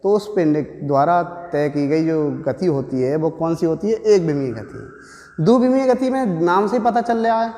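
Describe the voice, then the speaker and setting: A man's voice: a little high, animated, moderate pace, dark tone. A man with a Hindi accent teaching a physics lesson at a board, explaining step by step and answering his own questions. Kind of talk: classroom physics lecture at a board. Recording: echoey room with long reverb.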